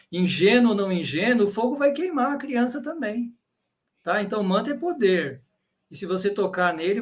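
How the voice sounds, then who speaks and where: A man with a Brazilian Portuguese accent giving an explanatory talk to a live audience, checking in with frequent tag questions. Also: high voice. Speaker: lecturer on bhakti yoga.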